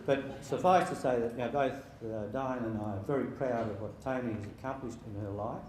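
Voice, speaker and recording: A man's voice: medium pitch, a little mellow. Older man giving a speech in an echoey hall. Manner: halting, jokey delivery turning sentimental. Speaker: father of the bride giving a wedding speech. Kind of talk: informal wedding speech to a room of guests. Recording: very echoey room with faint background noise.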